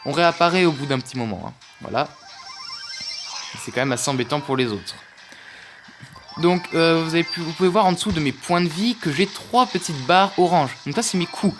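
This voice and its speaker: Here a gaming YouTuber talks casually over his mobile gameplay, stumbling through fillers and restarts. His voice is fairly high, expressive and a little quick, and game music plays behind.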